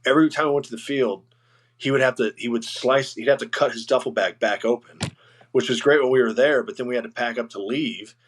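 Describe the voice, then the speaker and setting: A man's voice: mid-range voice, a little hiss or hum. A middle-aged man, a retired army sergeant, chatting as a podcast guest, laughing and swearing as he recalls an old comrade. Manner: laughing, profane, halting with restarts. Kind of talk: casual chat.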